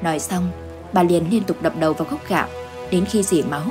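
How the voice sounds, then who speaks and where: Lady reading a ghost story, lowish voice, measured and dramatic, faint music under it. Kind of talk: scripted narration of a ghost story.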